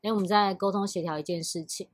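A woman with a Taiwanese Mandarin accent co-hosting a podcast. She tells workplace stories in a relaxed chat and acts out both sides of the conversations she retells. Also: mid-range voice, quick pace, no echo, clean studio sound. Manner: storytelling, acts out both sides of quoted dialogue. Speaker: podcast co-host. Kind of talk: casual chat.

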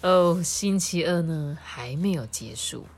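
Mom reading aloud. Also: female voice, low voice, measured pace, husky. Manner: lively, playful, chatty asides. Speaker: mother reading to her child. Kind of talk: reading a picture book aloud.

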